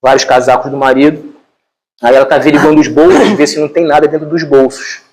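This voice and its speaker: In a quick-paced informal lecture, a Brazilian man with a slightly high voice animatedly retells a film in colloquial terms. He leans heavily on repeated fillers, his accent is clearly Brazilian Portuguese, and the audio is low quality.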